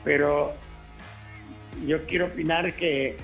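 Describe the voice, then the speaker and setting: Gravelly male caller over the phone. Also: on the high side, steady tone, takes it slowly, fairly bright tone, faint music behind. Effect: heard over a phone line. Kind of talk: call-in opinion.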